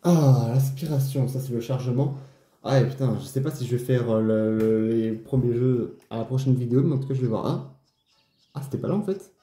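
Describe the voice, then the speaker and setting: A man's voice: mid-range voice, fairly quick, dark tone. A man hosting a let's play, thinking aloud in casual gameplay commentary with hesitant restarts. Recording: roomy echo, faint game music.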